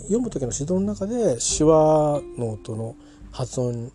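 A man's voice: on the high side, very animated, slow, warm tone. A man talking casually about a pronunciation book, rambling and often correcting himself with many fillers. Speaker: English pronunciation learner reviewing a book. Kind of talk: casual spoken book review.

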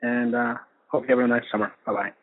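A fast-talking man from Texas, heard as a radio show caller whose voicemail comes through a tinny, phone-like line. He rambles in a halting way, full of fillers and restarts. The recording is dry and close, with no room sound. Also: medium pitch, level tone, no room sound. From Texas, USA. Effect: voicemail played over a phone line. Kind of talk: casual call-in voicemail.

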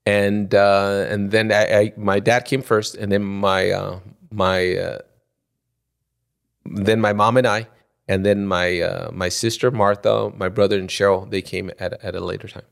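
Older man from ecuador, podcast guest, low gravelly voice, halting speech. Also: flat delivery. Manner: halting, restarts phrases often. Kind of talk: spontaneous conversation.

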